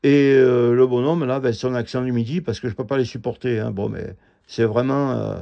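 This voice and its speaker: A middle-aged man telling his own grievance in a halting, indignant ramble full of fillers and restarts. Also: medium pitch, steady tone, vocal fry. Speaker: vlogger telling a personal grievance. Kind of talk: rambling first-person account. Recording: dull lo-fi audio.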